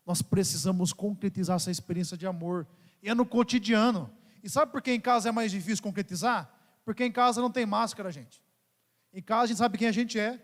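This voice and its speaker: A man from Brazil, a parish priest giving a homily at Mass, telling humorous everyday stories and often calling out to the congregation. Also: high voice. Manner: humorous storytelling, addresses the congregation as "gente". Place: large church. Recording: long church reverb.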